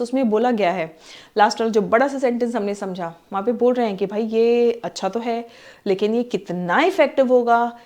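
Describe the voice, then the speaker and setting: Woman online tutor with an Indian English accent; fairly high pitch, slow careful English, brisk Hindi explanations. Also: a little mellow. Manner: reads English slowly, explains fast in Hindi-English mix; asks students questions, frequent "theek hai?" checks. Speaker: teacher. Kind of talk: online exam-prep lesson.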